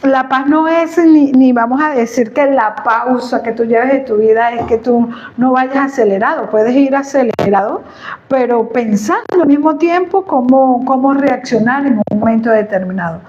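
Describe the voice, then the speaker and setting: A chatty woman with a fairly high voice shares her thoughts on inner peace in an animated, conversational way, often checking that the listener follows along. The recording sounds a little dull. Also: normal speed. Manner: chatty, animated, asks "¿me entiendes?". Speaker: host, therapist.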